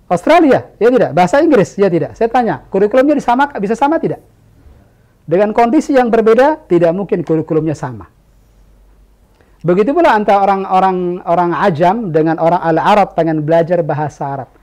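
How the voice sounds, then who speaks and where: Man, Indonesian, high-pitched voice, religious teacher, lecture, emphatic rhetorical questions. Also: brisk. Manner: quizzes listeners with rhetorical questions; emphatic and animated. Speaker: Islamic teacher.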